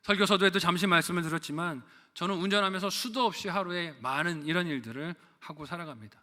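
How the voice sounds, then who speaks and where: Brief: middle-aged male pastor, bright raised voice, church sermon with long reverb, storytelling with rhetorical questions. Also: high voice, fast. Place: church sanctuary.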